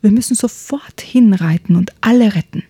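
A woman's voice: medium pitch, normal speed, warm tone, slightly rough, dry recording, clean studio sound, lightly acted. A woman voicing a polite, exasperated talking horse who serves a young prince in a children's story. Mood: patient, reproachful.

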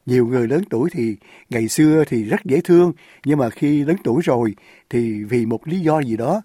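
A man's voice: medium pitch, a little fast, mellow, dry recording, clean studio sound. A man hosting a radio interview, polite and deferential, with frequent fillers. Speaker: radio host.

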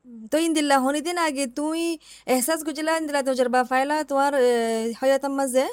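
Quick-talking woman radio interviewer, Rohingya speaker. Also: high-pitched, steady tone, no room sound, clean studio sound.

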